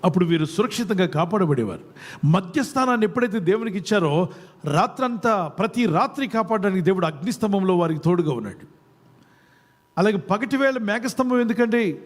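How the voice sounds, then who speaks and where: A man preaching a sermon to a congregation, asking questions and urging them to answer aloud. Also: high voice. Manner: call-and-response, quizzing the congregation. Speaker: pastor. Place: church service before a congregation.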